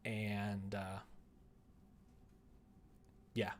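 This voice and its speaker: In a lowish voice, completely flat and very slow, a streamer talks while building his visual novel live. He rambles casually as he explains things and sometimes mutters to himself.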